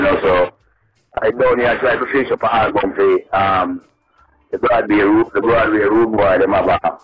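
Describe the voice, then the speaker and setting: A man, a reggae artist talking over the phone in a casual radio interview, in a loose, repetitive, upbeat patter. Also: low voice. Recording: muffled phone-line audio.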